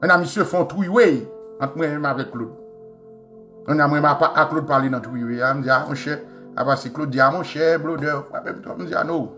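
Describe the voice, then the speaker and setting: Haitian man, high and forceful, combative live-stream commentary with faint music under it. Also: brisk. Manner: animated, shouting bursts, code-switching, swearing. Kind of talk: heated live-stream rant.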